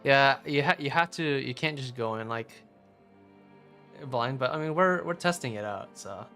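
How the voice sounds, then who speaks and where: A man's voice: medium pitch, animated, pushed and bright. Laid-back man streaming with faint music. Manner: laid-back, chuckling, halting with fillers. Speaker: developer and streamer. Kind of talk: casual live stream chat.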